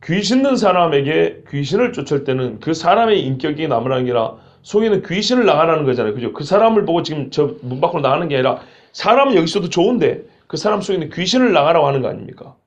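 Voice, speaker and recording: A male pastor preaching an expository sermon, acting out quoted lines with sudden shouts. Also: a little high, muffled recording.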